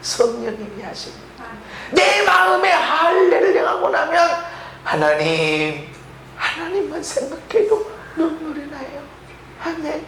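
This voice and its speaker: A woman pastor preaching a sermon, telling a personal story with emotional shouts and laughter. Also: very high voice, normal speed, a little hiss or hum. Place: church sanctuary. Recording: roomy church echo.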